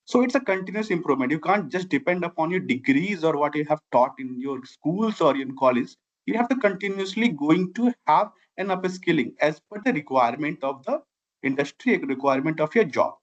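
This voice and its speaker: On a muffled recording, a Bihari man in his forties, a native Maithili speaker with a Bihari Indian accent, speaks a little fast in a slightly high, expressive voice. As an interview guest who is a civil engineer and founder, he gives earnest, winding answers in long sentences that keep coming back to "I have".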